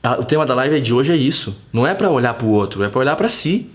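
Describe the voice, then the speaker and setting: This Brazilian-accented man runs a laid-back home live stream, talking quickly in a mid-pitched voice. He's lively and slangy, frequently performing lines of dialogue while he tells a story.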